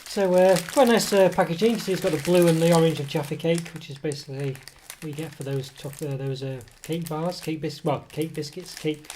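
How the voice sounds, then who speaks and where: Recorded on a table camera mic with slight background noise, a man with a cold gives a casual snack review at an indoor table, his voice dropping in and out. A food reviewer, he talks a little fast with few pauses in a slightly high, darkish, steady voice. He rambles hesitantly, full of fillers and self-corrections.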